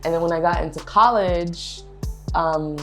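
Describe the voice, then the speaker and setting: A woman's voice: fairly low pitch, unhurried. Young woman chatting with faint music. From Pennsylvania, United States. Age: young adult. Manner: chatty, laughs often, fillers like um and you know. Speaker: guest. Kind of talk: casual interview chat.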